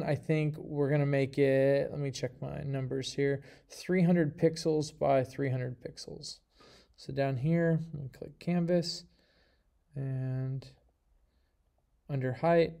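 A man's voice: fairly high pitch, fairly even intonation, takes it slowly, creaky, dark tone. A man teaching a coding lesson in a casual, chatty way, with joking asides and lots of fillers. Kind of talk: casual screen-recorded coding tutorial.

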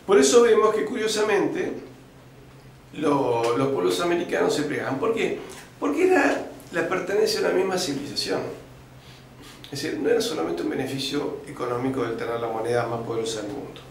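A man with an Argentine accent, a guest in an interview, telling a long history lesson and often stopping on "este" and "eh" and clearing his throat. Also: fairly high pitch, animated, brisk. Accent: Argentine Spanish. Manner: didactic storyteller, uses fillers like "este" and "eh", clears throat often. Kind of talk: lecturing historical account. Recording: very echoey room with faint background noise.

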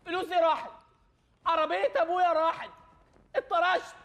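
A man's voice: very high-pitched, little pitch movement, brisk, fairly bright tone. An actor playing a young male bank clerk in a film comedy, a panicky coward who whines and pleads and says he has gone half-deaf. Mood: whiny. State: half-deaf, shouting to hear himself.

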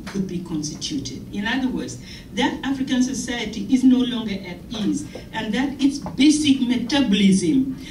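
A woman's voice: fairly high pitch, darkish tone, slight background noise. A middle-aged woman giving an impassioned, emphatic keynote speech at a podium mic in a lecture hall. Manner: impassioned, emphatic, gestures widely. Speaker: keynote speaker. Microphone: podium mic on a stand. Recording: echoey hall, picked up from far off.

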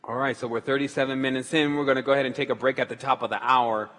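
A man's voice: mid-range voice, steady tone, very fast, a bit bright, big-room sound. A man hosting a call-in show, speaking in a loose, rambling way with many restarts. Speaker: radio show host taking calls. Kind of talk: casual call-in talk.

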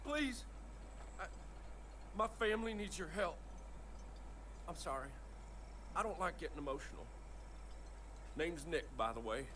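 A desperate pilot with a baby on the way, pleading and cursing in a high, bright, tense voice. This is video game dialogue, urgent and raw. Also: male voice, animated, measured pace, pauses often, a little hiss or hum. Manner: pleading, swearing. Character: desperate male pilot, expecting father, foul-mouthed.

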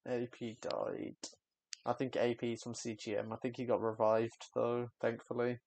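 Young guy reacting to a track, gravelly flat voice, dry sound. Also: medium pitch, brisk, no room sound. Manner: candid, rambling, trails off with fillers. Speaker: music reaction YouTuber. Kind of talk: casual reaction commentary.

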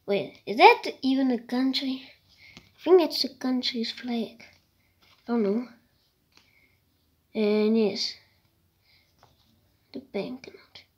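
A woman talks to camera in a casual show-and-tell vlog, her voice sitting fairly high. She speaks slowly and unhurriedly, drifting between thoughts with hesitant restarts. Every so often she drops into a soft whispered aside. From South Africa. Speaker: vlogger.

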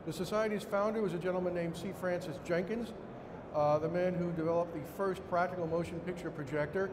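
A man's voice: sits high, steady tone, brisk. Echoey middle-aged man with a Brooklyn accent. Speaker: conference speaker standing in for a director. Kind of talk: formal slide presentation. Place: indoor conference room with seated audience. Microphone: podium microphone, later picked up by hand. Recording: echoey hall, noisy room ambience.

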